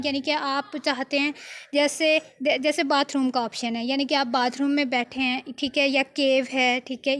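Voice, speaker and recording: A high-pitched woman works as an editing tutor, giving an informal, step-by-step software tutorial and frequently adding small check-in tags.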